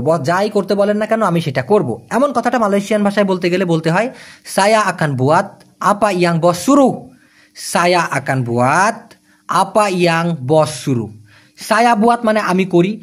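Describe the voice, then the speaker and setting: A man whose first language is Bengali, teaching Malay job-interview phrases and repeating each one slowly. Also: sits high.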